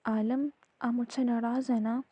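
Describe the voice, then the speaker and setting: Lady reading a weepy stubborn young wife, higher voice, mellow tone. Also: little pitch movement, husky, lo-fi sound. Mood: anxious. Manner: pleading, insistent.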